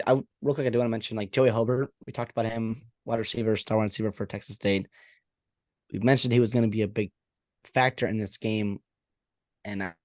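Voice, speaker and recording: Low-voiced man chatting about football. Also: a little mellow, no room sound, studio quality. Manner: chatty, hedging with "like" and "right?". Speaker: podcast co-host. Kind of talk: casual sports chat.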